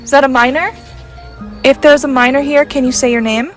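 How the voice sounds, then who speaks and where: A woman's voice: high voice, fairly even intonation, fairly quick, faint music behind. A young woman in a casual, chatty ghost-hunting vlog, talking directly to spirits and to her viewers. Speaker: paranormal vlogger.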